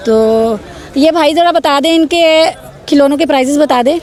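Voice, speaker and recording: A woman's voice: high voice, moderate pace, a little mellow. A woman with a Pakistani accent hosting a market vlog outdoors, selling the goods to viewers in repetitive patter that urges them to come and buy. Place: outdoor street bazaar.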